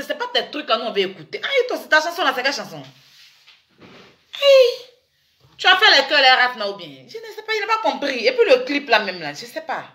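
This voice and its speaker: Bright-voiced woman teasing. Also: high voice. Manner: teasing, animated, with sudden loud exclamations. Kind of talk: chatty commentary vlog. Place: in France.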